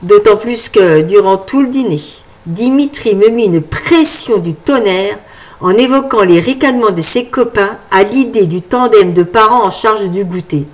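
A woman narrates a first-person novel as an audiobook, with lively, wry storytelling. Her voice sits at an ordinary middle pitch. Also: moderate pace.

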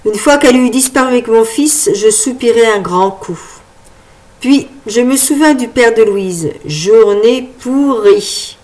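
A woman reading a first-person novel aloud as an audiobook narrator, in a lively, wry storytelling manner. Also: fairly high pitch, measured pace.

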